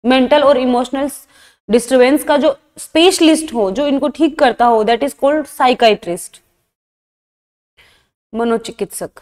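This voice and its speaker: A woman's voice: high-pitched, takes it slowly, long pauses, darkish tone, big-room sound. A woman teaching a vocabulary lesson, explaining English words in Hindi and repeating each term.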